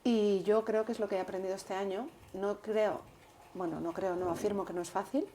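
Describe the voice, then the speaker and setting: A woman guest in an interview, talking earnestly and in a measured way, often repeating words while she thinks. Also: mid-range voice, fairly even intonation, warm tone, slight background noise. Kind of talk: reflective interview talk.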